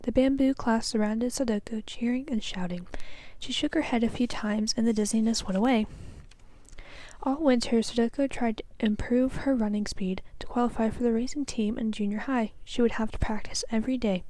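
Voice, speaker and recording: A woman student reads a children's novel aloud with a soft, breathy delivery. Her voice sits fairly high but sounds mellow rather than bright, and she reads carefully, stumbling now and then. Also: normal speed, dry recording. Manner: careful, soft reading with small slips. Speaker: student reader.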